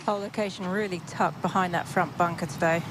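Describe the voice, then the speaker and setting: Woman golf commentator, kinda low voice, breaking down shots, outdoor noise in the back. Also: fairly even intonation, fast. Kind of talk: live golf commentary, analytical. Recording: outdoor broadcast with clear background noise.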